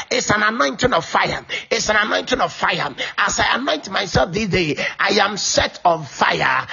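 A man with a high, hoarse, gravelly voice preaches in bursts, swinging his pitch wildly as he shouts and chants declarations and slips into tongues. The sound is dull and lo-fi. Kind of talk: fiery prayer sermon with tongues. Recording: dull lo-fi recording.

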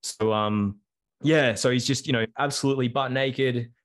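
A man's voice: medium pitch, fairly even intonation, moderate pace. Young man telling a rambling story. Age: young adult. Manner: rambling storyteller, many fillers. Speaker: podcast co-host. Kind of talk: casual podcast chat.

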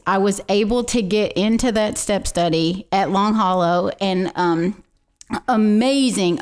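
Brief: female guest, 40s, mid voice, earnest personal testimony. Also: mid-range voice. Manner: earnest, sharing her recovery story. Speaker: podcast guest.

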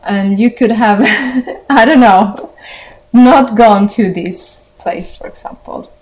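Slow-speaking Swedish-accented woman host. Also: a little high, poor audio. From Sweden. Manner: thoughtful, gentle, pauses often. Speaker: podcast host. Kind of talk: reflective interview talk.

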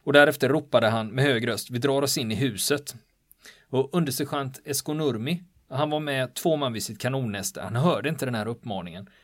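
A man's voice: mid-range voice, few pauses, dry recording, clean studio sound. A man recounting a wartime history in a casual spoken style, telling it vividly and acting out the quoted lines of the people involved. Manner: animated, vivid retelling with quoted dialogue. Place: on the island where the events happened.

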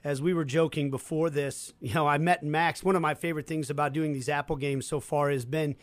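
A man from Kansas City in the United States, a co-host and play-by-play announcer, tells a story in fluent, casual conversation. His voice is a little high and steady, his pace fairly quick, and the recording has no room sound.

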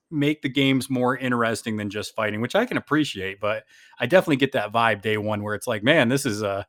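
A man's voice: mid-range voice, a bit bright, no room sound, clean studio sound. A man hosting a casual chat that recaps a game, rambling and thinking aloud as he goes. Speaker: podcast host.

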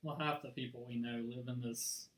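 Young male co-host, jokey and laughing, middle pitch, echoey room with faint hiss. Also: fairly even intonation, normal speed. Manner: joking, laughs often, friendly slang. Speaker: podcast co-host. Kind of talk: casual faith podcast chat.

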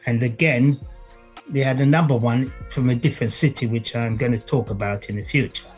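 A man explaining as a knowledgeable guest, halting in phrases and repeating points for emphasis. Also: mid-range voice, fairly even intonation, soft background music. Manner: halting, emphatic repetition, checks with "right?" and "you see". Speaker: guest music author and historian. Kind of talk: explanatory conversation.

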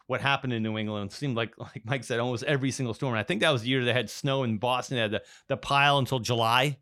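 A man co-hosting a weather podcast, explaining in a steady way with fillers. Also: mid-range voice, fast. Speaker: meteorologist co-host. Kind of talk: casual chat.

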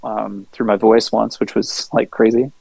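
A man co-hosting a podcast, telling a rambling, laid-back story in casual chat, swearing freely and filling pauses with ums and uhs. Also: on the low side, level tone, creaky, a little mellow, no room sound, low-quality recording. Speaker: podcast co-host.

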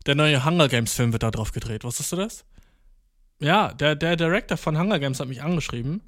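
A young man doing a rambling comedic monologue, full of swearing and English slang, jumping from mumbled asides to excited outbursts. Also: a little high, fairly quick, no room sound, clean studio sound. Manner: slangy, profane, mixing English words into German; jumps from deadpan mutters to excited outbursts.

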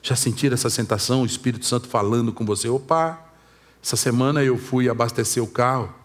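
A man preaching with a Brazilian accent, telling a personal story in his sermon, swinging from loud, raised passages to hushed confession. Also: medium pitch, fairly even intonation, fast. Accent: Brazilian Portuguese. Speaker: pastor.

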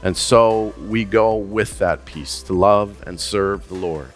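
A man preaching a sermon as pastor, measured and deliberate, with slow emphatic phrases. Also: on the low side, in a large hall, faint music behind.

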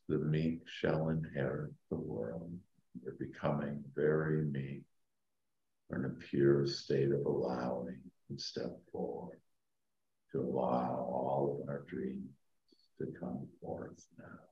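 A man with an extremely deep voice leads a guided meditation in the manner of a sleep story narrator. He speaks very slowly and softly, leaving calming gaps between phrases. The sound is dull and roomy. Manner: soft, hushed, calming delivery with long pauses. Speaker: spiritual teacher and meditation guide.

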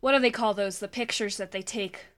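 A woman's voice: medium pitch, a little fast, a bit bright. A woman co-hosting a casual fan podcast, enthusiastic and gushing, with playful interjections. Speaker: podcast co-host.

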